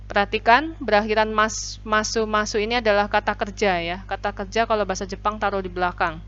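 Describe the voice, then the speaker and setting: A woman teaching a language class, patiently explaining vocabulary and repeating phrases slowly for students. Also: mid-range voice, steady tone, a bit bright. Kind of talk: online classroom lesson. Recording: dull lo-fi recording.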